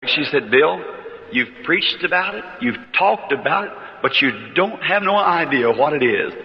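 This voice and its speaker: A man's voice: a little high, animated, a little slow, gravelly, in a large hall, muffled recording. A man preaching, telling a personal story in a folksy, emotional way, heard on an old tape recording. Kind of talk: archival sermon storytelling.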